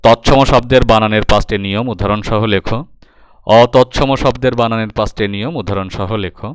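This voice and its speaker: A man's voice: on the low side, moderate pace, clean tone, no room sound, clean studio sound. A man teaching a recorded exam-prep lesson, patiently explaining step by step and addressing his students directly.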